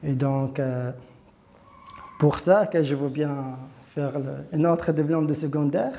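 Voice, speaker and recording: A man from Iraq, an adult student speaking hesitantly and hopefully in an interview, with many pauses. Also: on the high side, vocal fry, mellow, slight background noise. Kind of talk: interview testimony.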